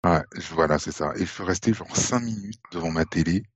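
A man's voice: deep voice, a little fast, breathy edge, no room sound. A man co-hosting a casual live stream, laid-back and blunt in his opinions. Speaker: podcast co-host. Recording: dull lo-fi mic.

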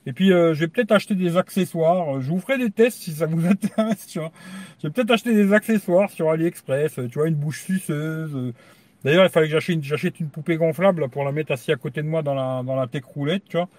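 This fast-talking tech channel host has a slightly high, somewhat mellow voice, captured in a dry recording. His live-stream chatter is crude and rambling, with "tu vois" attached to nearly every phrase.

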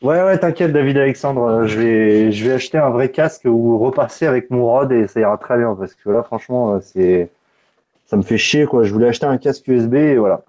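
A man's voice: medium pitch, brisk, darkish tone. A man hosting a casual live unboxing stream, loose and joking, swearing casually. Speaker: tech streamer.

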